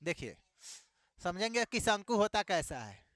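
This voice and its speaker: A man's voice: high voice, big pitch swings, a little slow, fairly bright tone, no room sound. A man teaching a math lesson, repeating key words back as questions and adding playful asides.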